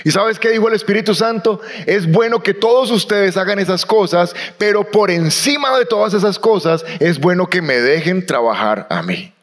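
Male pastor with a high voice, preaching and leading the room in reading aloud. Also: expressive, moderate pace, few pauses. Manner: rallies the congregation to read aloud. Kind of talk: sermon.

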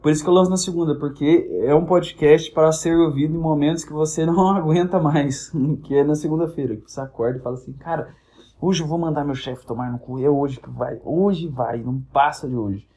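A young man from Brazil in his twenties tells a comic story as a podcast host, with a slightly high voice. He swears freely and jumps in and out of the voices of the people in his story, keeping it lively and loose. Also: a little fast. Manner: animated storytelling, acting out quoted voices; crude, profane humor. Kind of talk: casual comic monologue.

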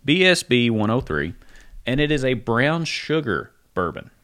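A man's voice: mid-range voice, very animated, unhurried, fairly bright tone. A man co-hosting a casual podcast, teasing his co-host with dry sarcasm over drinks at a desk mic. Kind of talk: casual chat. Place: studio room with mics, drinking bourbon on ice. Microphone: desk microphone.

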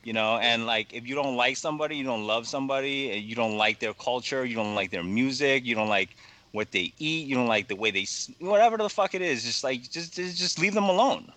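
Rambling, bright-voiced male podcast guest. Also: mid-range voice, expressive. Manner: rambling, halting, heavy fillers and swearing. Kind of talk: casual podcast conversation.

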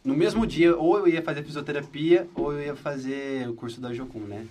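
Young guy telling a story on a podcast, lively, a bit far from the mic. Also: fairly high pitch, moderate pace, a little hiss or hum. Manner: animated storyteller, acts out quotes. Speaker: podcast guest. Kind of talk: casual chat, storytelling.

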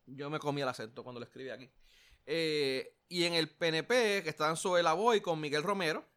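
A man's voice: a little high, a little fast, fairly bright tone, clear, resonant tone. A man with a Puerto Rican accent co-hosting a casual political chat, slangy and rambling with many restarts. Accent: Puerto Rican Spanish. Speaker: podcast co-host.

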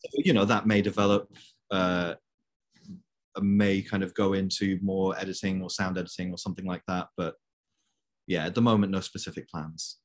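Young male guest, low voice, rambling easy chat, video call. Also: little pitch movement, normal speed. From Belgium. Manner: chatty, many fillers. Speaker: interview guest. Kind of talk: casual conversation.

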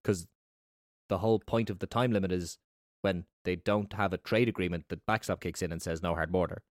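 A man's voice: low-pitched, steady tone, brisk, dry recording, clean studio sound. A man, co-hosting a casual political chat, ranting and swearing with sarcasm. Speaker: podcast co-host.

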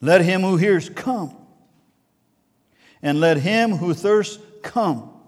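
A man preaching a sermon as pastor, swinging between soft and loud and repeating key words. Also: high-pitched, animated, slow, in a large hall.

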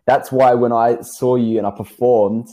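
A young man hosting a podcast, chatting in a relaxed, laid-back way. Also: mid-range voice, measured pace. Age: young adult. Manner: relaxed, laid-back, calls guest bro. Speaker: podcast host. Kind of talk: casual interview chat.

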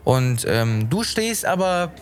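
A young adult man co-hosts a casual podcast while hungover with a headache. His mid-range voice is sing-song and slow, and he talks in a rambling, slangy way.

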